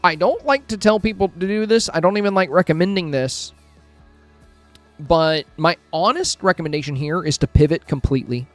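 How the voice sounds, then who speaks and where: A man's voice: fairly high pitch, moderate pace, a bit bright, no room sound, soft background music. A man streaming a casual review of game screenshots, friendly and thinking aloud with plenty of fillers and restarts. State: hiccuping, with a headache.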